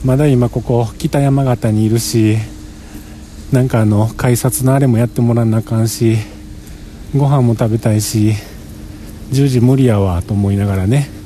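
A man's voice: medium pitch, fairly even intonation, moderate pace, mellow, a little hiss or hum. A man with a Kansai accent, chatting in a rambling, self-mocking way for a casual travel diary while walking outdoors across a parking lot. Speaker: travel vlogger.

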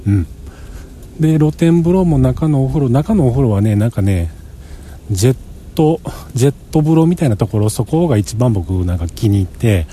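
Mellow-voiced Kansai man chatting outdoors. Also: fairly low pitch, a little hiss or hum. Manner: chatty and self-mocking, rambling with fillers. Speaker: travel vlogger. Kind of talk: casual spoken travel diary. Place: outdoors, walking across a parking lot.

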